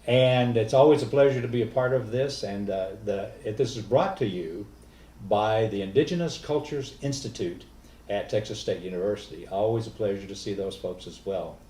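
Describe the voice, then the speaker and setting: A man's voice: on the low side, moderate pace, dark tone. A man hosting a powwow, welcoming viewers informally in a folksy emcee style. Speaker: host of a virtual powwow. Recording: echoey, distant mic, faint noise.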